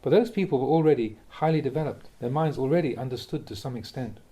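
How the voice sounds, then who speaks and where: A man who is a Buddhist monk reads a dharma talk aloud at medium pitch, reflective and measured, breaking into a quiet chuckle now and again.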